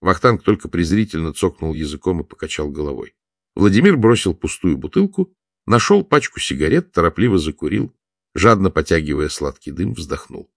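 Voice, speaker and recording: A man narrating a war story in a steady, measured reading. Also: deep voice, dry recording, studio quality. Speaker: audiobook narrator. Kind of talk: scripted narration.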